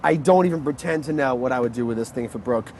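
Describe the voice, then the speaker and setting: A man's voice: medium pitch, fast, a little mellow. A man talking casually as a guest about his car, rambling through explanations with fillers, recorded outdoors on a street. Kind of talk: casual chat. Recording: noisy outdoor street sound.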